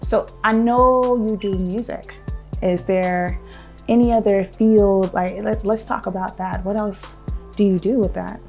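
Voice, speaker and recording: A woman hosts a relaxed talk show interview, playful and encouraging. She backs her guest up with quick affirmations and laughs. Faint music hums behind her. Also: medium pitch. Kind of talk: casual interview chat.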